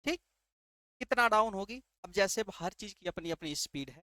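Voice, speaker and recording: A man's voice: high voice, animated, normal speed, bright, forceful tone, no room sound, clean studio sound. A male teacher giving an exam-prep lesson, asking rhetorical questions and answering them himself, and often repeating key terms. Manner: repeats key terms and checks understanding with "ठीक है".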